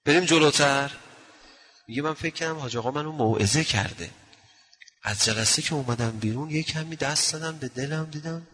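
A man giving a religious sermon, telling stories and swinging from quiet to loud. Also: fairly high pitch, breathy edge. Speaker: preacher. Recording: long hall reverb.

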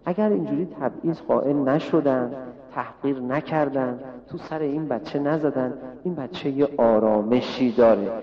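A male preacher giving a sermon at a gathering, his voice rising and then dropping to a hush. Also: mid-range voice. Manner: swings between raised and hushed voice. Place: religious gathering hall. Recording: dull lo-fi with long hall reverb.

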